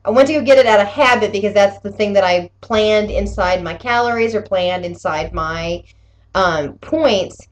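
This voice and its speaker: A woman's voice: medium pitch, normal speed, dull audio. A woman chatting casually in a personal update, rambling and often rephrasing herself as she goes. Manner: rambling, conversational, self-correcting. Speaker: vlogger giving weekly health challenge update. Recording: clear steady background room noise.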